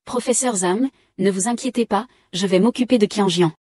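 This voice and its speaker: A woman voicing all the parts of a dubbed drama. Her pitch sits in the middle, and the recording is close and completely dry. Her reading is even and steady. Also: normal speed, slightly rough, no echo. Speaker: dubbing voice for all roles.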